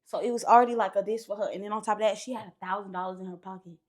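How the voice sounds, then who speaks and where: A woman with a medium-pitched voice races through a long story as a podcast guest. She's casual and animated, swears, and acts out the quotes.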